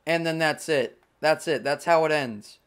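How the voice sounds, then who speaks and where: A young man giving live commentary over a video game as a gaming YouTuber, breaking into excited and frustrated outbursts. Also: on the high side, measured pace, clear, resonant tone.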